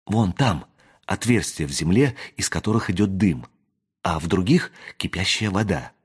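A man reading an audiobook aloud, voicing a wary young woman who talks in a hushed whisper. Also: low-pitched, expressive, moderate pace, husky, heavily acted. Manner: whispering, hushed and matter-of-fact.

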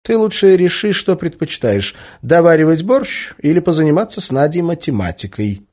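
Give me a calm, practical wife as a man reads her, husky and soft. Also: a little high, moderate pace, pitched above the performer's own voice. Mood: reassuring. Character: calm, worried adult woman, the narrator's wife.

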